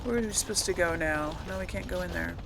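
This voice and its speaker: A woman hosts a gameplay video, thinking aloud with casual commentary while she plays. Her pitch is fairly low and her pace quick, and clear noise can be heard behind her voice.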